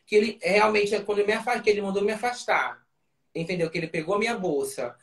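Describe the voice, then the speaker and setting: Her voice is medium in pitch and quick, caught with a roomy echo. Appearing as an interview guest, she recounts a story vividly and casually, full of fillers and repeated "entendeu?" check-ins to see if the listener is following.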